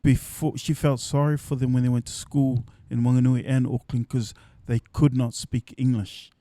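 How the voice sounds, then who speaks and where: A man's voice: medium pitch, little pitch movement, dry recording. Middle-aged New man, reflective. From New Zealand. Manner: unhurried, reflective, trailing softly with restarts. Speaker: podcast guest. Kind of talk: relaxed storytelling. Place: indoors at a company's headquarters.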